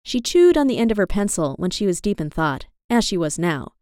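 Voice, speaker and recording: A woman narrating a children's storybook aloud in an expressive reading style. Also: mid-range voice, brisk, no echo, clean studio sound.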